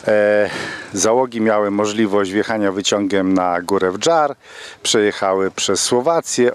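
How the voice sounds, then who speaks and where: A middle-aged man speaking outdoors into a handheld mic as a rally commander, steady and full of drawn-out fillers. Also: lowish voice. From Poland. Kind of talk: outdoor interview statement. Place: outdoors at a car rally parking area.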